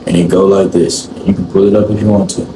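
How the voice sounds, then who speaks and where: A man in his twenties hosting a casual podcast chat, explaining things slowly and often asking "you know what I'm saying". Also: low-pitched, flat delivery, warm tone. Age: 20s. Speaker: podcast host. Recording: echoey room, faint room noise.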